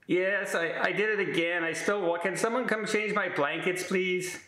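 A frail, whimpering hospital patient, put on by a man, whines and moans well above a normal speaking pitch. The voice sounds bright and thin, and it echoes in a roomy space. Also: moderate pace. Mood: pleading. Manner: high-pitched whining and moaning. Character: whiny, helpless male hospital patient, about forty.

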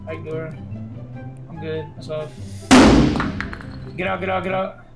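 With loud music running underneath, this streamer swears and uses slang as he talks to teammates mid-game on a live stream. His voice is a little high and gravelly, with flat delivery at a measured pace.

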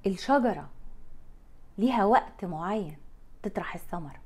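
A woman in her forties with an Egyptian Arabic accent, talking straight to camera in a frank, blunt way as a life coach, recorded on a lapel mic in a bright room. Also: medium pitch, lively intonation, normal speed, breathy edge.

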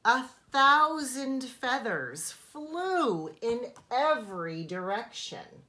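Bright, very animated woman reading a bedtime story. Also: on the high side. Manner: deliberate, animated, emphatic phrasing for young children. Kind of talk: expressive children's storybook read-aloud.

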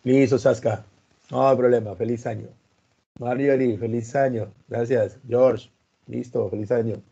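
Unhurried and fairly even in intonation, a male pre-university history teacher's mid-range voice has vocal fry, a dark tone and a breathy edge, and the highs are cut off in the recording. In his live online class he greets students by name and explains through homely examples, sounding stern, which he says is simply his natural voice.

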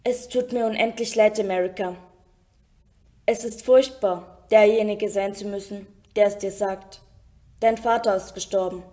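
A woman's voice: medium pitch, fairly even intonation, unhurried, dark tone, natural voice. A woman reading an earnest young prince. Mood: gentle sorrow.

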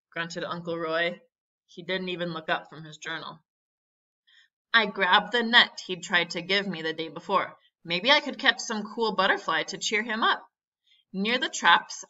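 A woman's voice: on the low side, pushed and bright. A woman teacher reading a children's book aloud with expression, stopping to explain and ask questions. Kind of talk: read-aloud storytime with questions. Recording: muffled lo-fi audio.

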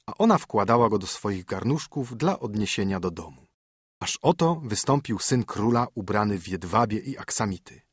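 A man narrating a fairy tale audiobook in a measured storytelling manner, close to a studio microphone. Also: medium pitch, slightly rough, no echo.

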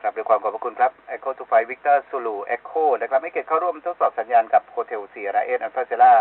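A man's voice: medium pitch, moderate pace. Man over a distant walkie-talkie. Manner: courteous, formal radio protocol. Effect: heard over a two-way radio. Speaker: radio net control operator. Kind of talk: formal radio net control. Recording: tinny distant radio transmission.

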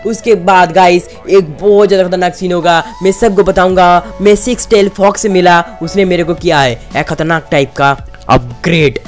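An excited man runs commentary on a game video in a high, eager voice, constantly pushing viewers to comment. Faint background music sits under his talk. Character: young male tiger hero, brave and angry. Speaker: gaming YouTuber. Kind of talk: game commentary with role-play.

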